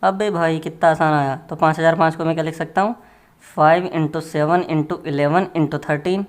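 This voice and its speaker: A man's voice: a little high, fairly even intonation, moderate pace, clear, resonant tone. Male maths tutor, casual and joking, friendly classroom patter. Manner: chatty and joking, addressing students as friends.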